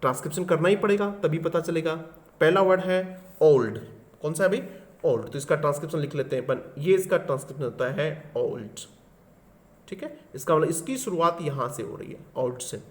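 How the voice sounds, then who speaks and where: Man, kinda high voice, teaching an exam solution, keeps asking the class questions. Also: expressive, brisk. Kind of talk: exam paper solution lesson.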